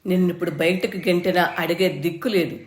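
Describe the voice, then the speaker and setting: A woman's voice: lowish voice, steady tone, a little fast, a little hiss or hum, lightly acted. Bullying grown son, pushy and scornful, as a woman storyteller puts him on, raised and strained, in a roomy space. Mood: angry. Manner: mocking, pushy, loud. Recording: roomy echo.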